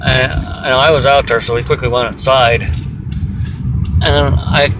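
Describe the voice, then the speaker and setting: A man's voice: fairly even intonation, slow. A man on an angry, exasperated swearing tirade, venting explosively in a casual personal rant. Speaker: aggrieved pet owner venting. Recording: distant mic, loud fan and outdoor rumble. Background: air vent fan, vehicle-like ambience.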